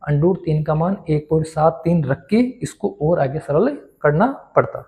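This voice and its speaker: A man's voice: a little high, normal speed, darkish tone. A man teaching a maths lesson, who keeps asking his students questions and then answers them himself. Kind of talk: classroom-style maths lesson.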